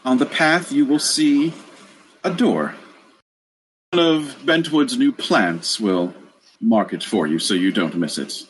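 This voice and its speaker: A man voicing a kindly earth mother goddess in a tabletop game, speaking in a warm, serene, gracious manner. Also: medium pitch, slow, pauses often, a little hiss or hum, pitched above the performer's own voice, natural voice, rough recording.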